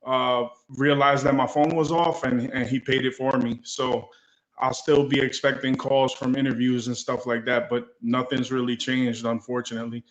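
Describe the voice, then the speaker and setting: A man calling in to a livestream on his phone, his voice echoing back over the line as he speaks in a halting, subdued way. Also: mid-range voice, little pitch movement. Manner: halting, subdued, repeats himself. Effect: his voice echoes back over the call. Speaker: caller on a livestream. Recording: echoey, muffled phone call audio.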